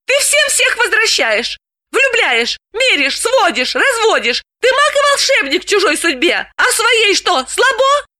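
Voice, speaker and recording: A woman reading an audiobook, voicing an excitable, pushy woman friend in her thirties who talks in shrill, emphatic exclamations. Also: a little slow, exaggerated voice. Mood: agitated.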